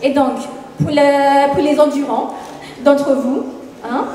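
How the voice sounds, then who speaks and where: Kenyan woman wrapping up a conference, high voice, super echoey hall, mic far away. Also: fairly even intonation, dark tone, a little hiss or hum. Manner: measured, formal, occasional self-corrections. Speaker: program manager and moderator. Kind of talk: conference closing summary.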